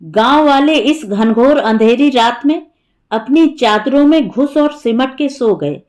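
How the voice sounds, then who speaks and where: A woman narrating a Hindi short story in a calm, measured storytelling manner, lightly voicing the characters. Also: sits high.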